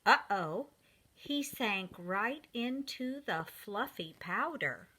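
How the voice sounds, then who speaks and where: In a bright, clear voice with a very lively, swooping pitch, a preschool teacher reads a storybook to her young listeners, slow and deliberate. A little hiss or hum runs under the recording.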